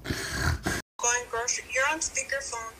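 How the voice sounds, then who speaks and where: A middle-aged woman heard through a phone on speakerphone, talking bluntly, exclaiming loudly and swearing freely. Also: on the high side, slow, poor audio. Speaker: parent reacting on a phone call.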